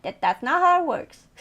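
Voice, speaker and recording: Female streamer, slightly high voice, casual teasing chat with viewers, frequent laughs. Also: fairly bright tone. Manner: playful, laughs often, teasing.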